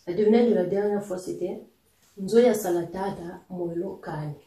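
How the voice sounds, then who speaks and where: A language teacher giving a patient, explanatory lesson, often pausing on fillers while spelling out words and examples. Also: mid-range voice, mellow, distant mic. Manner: patient, hesitant with frequent fillers. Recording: echoey room, voice a little off-mic.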